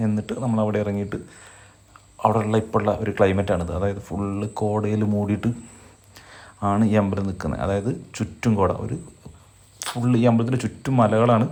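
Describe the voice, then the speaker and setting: A man's voice: fairly low pitch, level tone, a little fast, pauses often, darkish tone. A man with a Malayali accent from Kerala giving a casual, explanatory travel vlog narration that often repeats itself. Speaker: travel vlogger.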